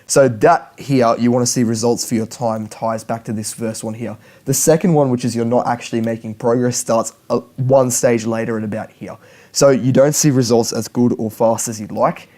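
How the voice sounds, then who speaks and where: In a laid-back video lesson on language learning, a young man whose first language is English often restarts and repeats words while explaining. His mid-range voice is warm, with fairly even intonation and a normal speed.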